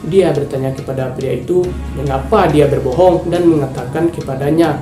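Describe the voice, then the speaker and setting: A man's voice: on the high side, moderate pace. A man from Indonesia narrating a true-crime story in a casual, informal way, openly angry at the wrongdoer. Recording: echoey room with faint music.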